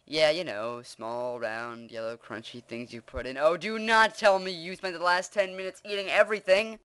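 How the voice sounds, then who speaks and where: A man's voice: a little high, steady tone, moderate pace, fairly bright tone, smooth, natural voice. A man voicing a nerdy young male gamer who barks orders from his hideout. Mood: frantic.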